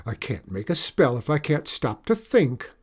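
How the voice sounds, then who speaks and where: A man's voice: mid-range voice, sing-song, normal speed, a little mellow, husky. A man reading a storybook aloud, voicing a pompous, blustering male evil enchanter with an indignant manner.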